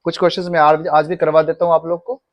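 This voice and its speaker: A man's voice: on the high side, flat delivery, quick pace. A male coaching-class teacher leading a lesson in a classroom. He mixes Hindi and English, asks the class short questions and has them repeat the answers. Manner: drills the class with call-and-response questions; repeats and corrects words patiently. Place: classroom with a board.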